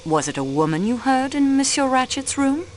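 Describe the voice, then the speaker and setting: A woman playing a patient, courteous investigator for a detective, asking questions in a formal, calm way. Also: high-pitched, moderate pace, a little hiss or hum. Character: polite, patient assistant to a French detective.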